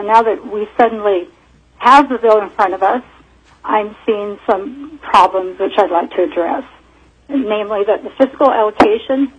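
Heard by phone in a hearing room, this teacher and parent in her fifties gives earnest formal testimony from prepared points. Her voice is mid-range and husky.

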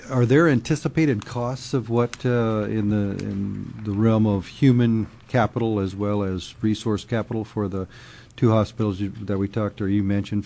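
A man's voice: fairly low pitch, mellow. A man speaking as a senator in formal committee questioning, with hesitant, politician-like phrasing that he reworks as he goes. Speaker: state senator.

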